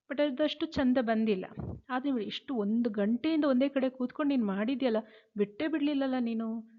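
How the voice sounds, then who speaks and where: A woman teacher giving a lecture, reading English points aloud and then explaining each one in Kannada. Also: high-pitched. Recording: phone-like narrow sound.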